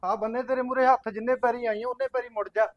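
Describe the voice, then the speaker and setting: A man's voice: extremely high pitch, fairly even intonation, fast, no room sound, muffled recording. A man playing a harsh, dismissive younger brother who scolds his older sister. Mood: scolding. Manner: curt and scolding. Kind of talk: short film acting.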